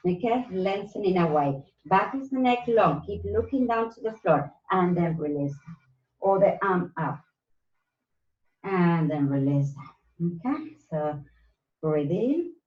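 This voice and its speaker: A woman's voice: fairly low pitch, expressive, takes it slowly, pauses often. A woman instructing a live Pilates class, counting breaths and movements aloud in short, spaced cues. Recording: roomy echo, distant mic, slightly dull sound.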